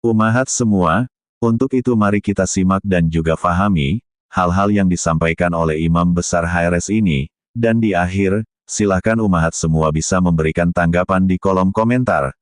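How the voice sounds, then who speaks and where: A man giving a calm, polite scripted narration that addresses the listeners directly. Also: low-pitched, normal speed, no room sound, studio quality. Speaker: channel narrator.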